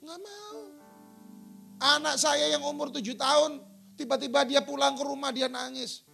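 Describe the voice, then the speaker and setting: A man's voice: very high voice, flat delivery, normal speed, gravelly, bright, forceful tone, faint music behind. A middle-aged male pastor preaching a sermon in a church, telling stories and acting out quotes. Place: church sanctuary.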